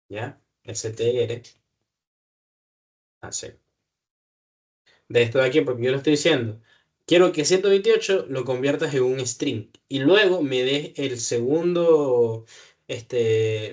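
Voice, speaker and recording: In this one-on-one coding lesson, the tutor is a patient man with a mid-range voice. He keeps asking "¿ya?" to confirm understanding, fills his thinking aloud with fillers, and self-corrects.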